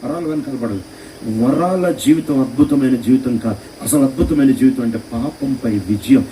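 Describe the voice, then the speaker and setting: A man preaching a sermon at a meeting, telling stories with lively rhetorical questions. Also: mid-range voice, normal speed, distant mic, slight background noise, rough recording. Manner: animated storytelling with rhetorical questions. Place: meeting hall.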